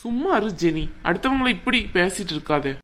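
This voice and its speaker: A woman's voice: medium pitch, expressive, brisk, close to an everyday voice. A woman voicing a kind, earnest young male college student in a cartoon, reassuring and sincere. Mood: reproachful. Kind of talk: cartoon dub acting.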